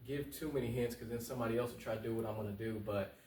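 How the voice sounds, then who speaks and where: His mid-range voice is a little mellow, the intonation fairly even, and the pace rapid-fire. He's a political candidate giving relaxed, colloquial interview answers, pressing his points by repeating them. The audio is echoey and distant, with faint noise.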